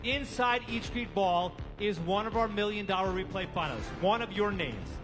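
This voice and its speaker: A man hosting a live prize drawing as a booming announcer, rallying the crowd. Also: lively intonation, moderate pace. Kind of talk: live event hype announcing. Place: large event venue with live audience. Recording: long hall reverb, music behind.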